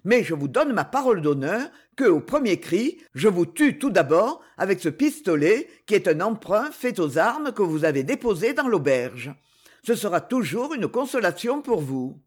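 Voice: mid-range voice, sing-song, moderate pace, husky. A fierce, self-assured swordsman who speaks in commanding threats, with plenty of rise and fall in the voice, as a reader acts him out. Audiobook character reading. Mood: menacing.

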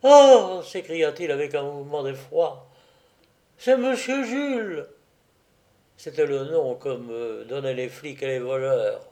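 A man narrating a first-person memoir in an audiobook reading, slow and deliberate with an occasional filler. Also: mid-range voice, flat delivery, warm tone.

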